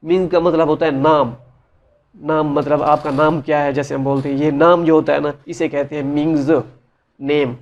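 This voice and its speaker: A man's voice: fairly high pitch, level tone, moderate pace, lo-fi sound. A man giving a casual spoken lesson, patiently explaining and repeating each word many times, with many fillers. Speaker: language teacher. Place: side room with noise around.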